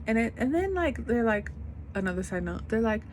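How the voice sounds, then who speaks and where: A woman's voice: on the high side, very animated, a little fast, a little mellow, a little hiss or hum. A woman in her twenties venting in an unscripted vlog rant, blunt and emphatic, repeating her points in casual slangy speech. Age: 20s. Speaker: vlogger.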